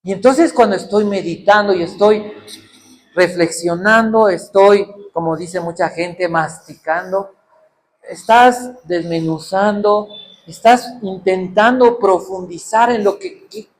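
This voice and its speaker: A man's voice: sits high, slow pace. Mexican man preaching a conversational sermon. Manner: conversational, with rhetorical questions. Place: event hall.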